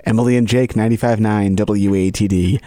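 A man's voice: lowish voice, steady tone, brisk, mellow, no echo, faint music behind. A man hosting a radio show, speaking in an announcer's presenting style as he handles introductions and interviews. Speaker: radio host.

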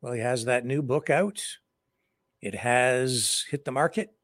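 A man's voice: medium pitch, unhurried, a bit bright, no room sound, studio quality. A man hosting an online news show, talking casually and sardonically to his viewers. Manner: chatty, sardonic, asides to viewers. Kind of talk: casual opinion commentary.

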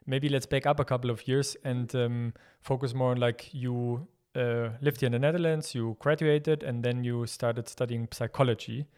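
A man hosting a podcast, asking questions in a casual, halting way with repeated words. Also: medium pitch, fairly even intonation, darkish tone, clean tone. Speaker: podcast host. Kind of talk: casual interview.

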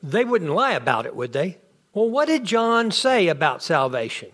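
A man's voice: sits high, big pitch swings, normal speed, a bit bright. A man teaching a bible class, firing off questions and answering them himself. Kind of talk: interactive bible class lecture.

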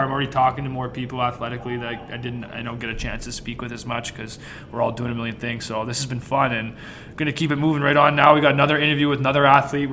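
A man's voice: mid-range voice, bright, forceful tone, a little hiss or hum. A man in his twenties hosting a casual podcast in a jokey, teasing way. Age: 20s. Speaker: podcast host.

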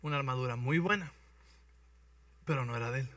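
Bright-voiced man preaching a lively sermon. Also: mid-range voice, brisk, no room sound. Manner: lively storytelling, acting out voices and checking with listeners. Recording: voice from some distance, dry.

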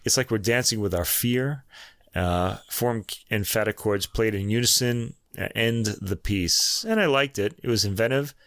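A man's voice: on the low side, moderate pace, a bit bright, no echo, studio quality. Man with a New York accent. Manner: conversational, many fillers and restarts. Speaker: music review podcast host. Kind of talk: casual music commentary.

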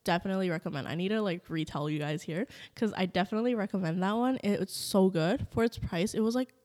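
A woman's voice: mid-range voice, fast, a little mellow. A young adult woman casually reviewing food as host while tasting, speaking informally and hesitantly with many "likes". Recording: echoey room with long reverb.

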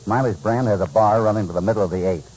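American cowboy hero, lowish warm voice, sure of himself, old radio western. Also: male voice, quick pace, husky, low-quality recording. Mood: confident. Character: shrewd, self-assured cowboy hero.

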